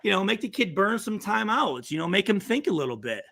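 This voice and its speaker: A man co-hosting a podcast, telling a long story in a laid-back, profane, animated way. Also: high voice, fairly quick, creaky. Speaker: podcast co-host, former player. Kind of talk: casual storytelling chat.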